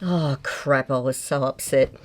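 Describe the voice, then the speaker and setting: A woman's voice: extremely low pitch, measured pace. A middle-aged woman, chatting casually and swearing playfully while she paints. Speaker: fluid art host.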